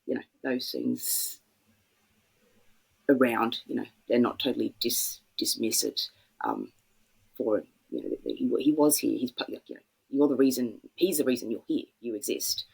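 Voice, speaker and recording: This Australian woman is a guest on a podcast, talking in a soft, reflective way. Her voice is gravelly and breathy. She often pauses and circles back on her words. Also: extremely low pitch, rough recording. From Sydney, Australia. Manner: reflective, halting, many fillers. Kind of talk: casual conversational interview.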